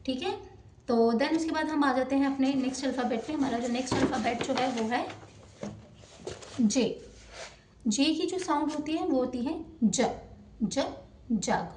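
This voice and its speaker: A woman with a high voice teaches children phonics, stretching out each letter sound with patient care. She is recorded at a distance in an echoing room. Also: noisy background. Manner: slow, careful demonstration of sounds. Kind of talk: phonics lesson for kids. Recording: echoey room, voice off-mic.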